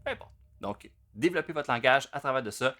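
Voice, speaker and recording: A man, explaining drum rudiments in a relaxed, casual way with many fillers. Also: mid-range voice, fairly quick, soft background music. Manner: relaxed, talks through patterns with many fillers. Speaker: drum teacher.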